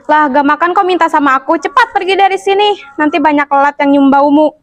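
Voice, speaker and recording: A woman's voice: high-pitched, fairly quick, no room sound, close to an everyday voice. A young woman playing a rich, arrogant, stingy lady who speaks in a haughty, scornful and bossy way in a school drama. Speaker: student actor.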